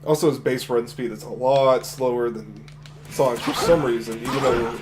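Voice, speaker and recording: Game music plays as a man with a deep voice talks through his speedrun at a normal speed. His live commentary is easygoing and conversational, breaking down techniques mid-play, and he frequently abandons sentences and starts them over.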